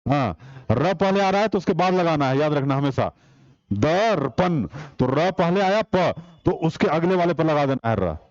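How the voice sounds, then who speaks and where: A man's voice: on the high side, animated, moderate pace, a little mellow, no room sound, muffled recording. Man teaching a class, rhetorical questions. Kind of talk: online exam-prep class.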